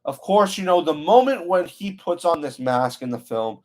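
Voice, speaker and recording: Man, channel host, casual movie chat, enthusiastic, rambling, filler-heavy, fairly high voice. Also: lively intonation, moderate pace, darkish tone. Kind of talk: casual movie review talk.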